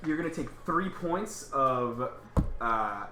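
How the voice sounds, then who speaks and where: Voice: mid-range voice, lively intonation, slow pace. A game master casually narrating a tabletop role-playing game, peppering the narration with "like". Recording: echoey room with clear background noise.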